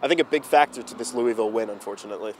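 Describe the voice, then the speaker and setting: A young man giving postgame analysis outdoors on a handheld mic, relaxed with frequent fillers. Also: lowish voice, racing. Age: young adult. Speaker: student sports analyst. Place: outdoors in front of an arena. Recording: faint street noise outdoors.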